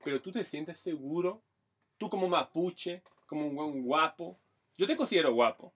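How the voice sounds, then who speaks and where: Co-hosting a podcast, a thirty-something Brazilian man with a Brazilian accent and Portuguese as his first language chats casually, telling frank stories heavy on Chilean slang. His fairly bright, breathy voice runs high, with lively intonation at a moderate pace.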